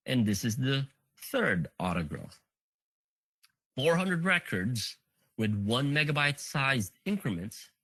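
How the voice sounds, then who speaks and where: A man's voice: mid-range voice, a bit bright, slightly rough, no room sound, rough recording. A man presenting a technical session, talking through a live demo, counting items on screen and thinking aloud with frequent fillers. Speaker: conference presenter.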